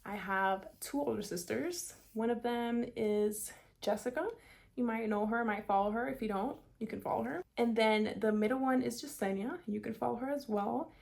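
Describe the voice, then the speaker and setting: Gravelly yet a little mellow, her voice is a touch high and moves at a moderate pace. The speaker is a twenty-something beauty vlogger from South Florida giving a casual, cheerful hair tutorial packed with "like" and "kinda."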